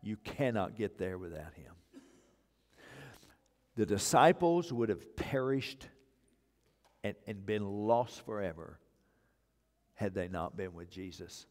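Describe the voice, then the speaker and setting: Older guy preaching slow and emphatic, repeats himself for punch, long church echo. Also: fairly low pitch, expressive, a little mellow. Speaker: pastor. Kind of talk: sermon. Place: church sanctuary stage, indoors. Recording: long reverb of a church hall.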